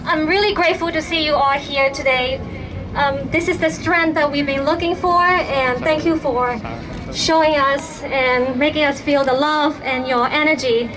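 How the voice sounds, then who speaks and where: A young woman from Burma addresses a rally crowd in a very high, bright voice. She speaks with fervent emphasis and stresses her key demands. Her delivery is a passionate public speech. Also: steady tone, moderate pace.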